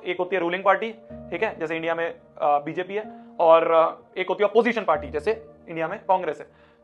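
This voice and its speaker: A young man with a high, quick voice tells his students a story from his school days, jumping into heated speech voices as he plays out each scene. His sound is slightly muffled, with faint background music running beneath. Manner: animated, acts out scenes in a fiery speech voice. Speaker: online teacher. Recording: slightly dull audio with soft background music.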